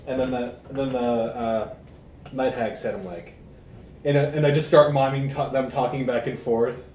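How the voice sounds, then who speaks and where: A man's voice: medium pitch, fairly even intonation, normal speed, darkish tone, far from the mic. A man playing a tabletop role-playing game, joking and swearing casually as a player. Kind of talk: casual chat at a gaming table. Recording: roomy, off-mic, with noticeable background noise.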